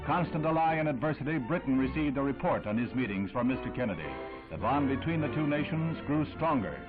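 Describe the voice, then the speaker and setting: A man's voice: mid-range voice, expressive, fairly quick. A man narrating an old newsreel in a solemn, emphatic, dramatic way. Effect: old newsreel sound. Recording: tinny old newsreel audio with music.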